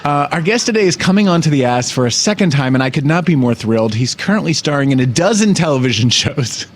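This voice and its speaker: A man's voice: fairly high pitch, animated, quick pace, a little hiss or hum. A man hosting a podcast, chatting in a playful, bawdy joking way. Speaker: podcast host. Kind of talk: casual chat with a read sponsor ad.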